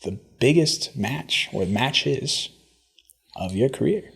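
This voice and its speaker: A man hosts a podcast with a very lively, animated pitch. His talk is loose, profane and full of laughter, bro to bro. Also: slow, gravelly. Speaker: podcast host. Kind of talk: casual interview chat.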